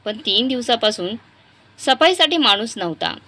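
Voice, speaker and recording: A woman narrates a moral story in a steady, expressive way. Her voice sits fairly high, and her tone is bright. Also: moderate pace.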